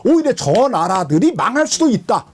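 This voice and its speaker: A man's voice: high-pitched, sing-song, moderate pace. A man, a pastor, giving a conversational Bible study lecture, checking often that listeners follow and mixing in slangy, joking asides. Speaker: pastor teaching a Bible class.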